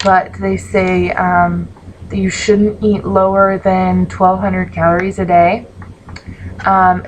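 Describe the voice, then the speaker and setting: A woman's voice: medium pitch, slight background noise, low-quality recording. A young woman vlogging in a casual, rambling way, full of ums and likes, sounding sleepy. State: sleepy, yawning. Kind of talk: casual chat to camera.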